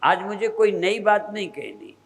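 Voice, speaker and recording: An older man, a spiritual teacher, preaching a sermon in a measured, repetitive cadence. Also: high-pitched, expressive, poor audio.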